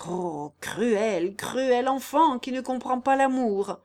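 A sickly young nobleman, lovesick and anguished, reproachful in every line, as a woman reader voices him. The pitch stays fairly high with raised emphasis. This is storybook acting in an audiobook. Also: lively intonation, measured pace, a little mellow. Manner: impassioned, reproachful. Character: pale, feverish young male baron, lovesick and anguished. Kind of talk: audiobook character reading.

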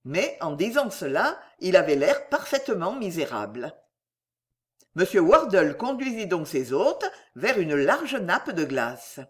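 Expressive woman narrating a classic novel. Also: lowish voice, a little slow. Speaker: audiobook narrator. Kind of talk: scripted narration.

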